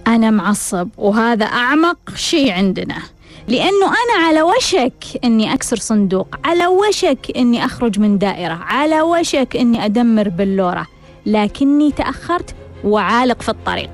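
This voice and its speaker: A woman's voice: on the high side, very animated, brisk, faint music behind. A woman hosting a self-help show, giving a scripted monologue in which she asks questions and answers them herself.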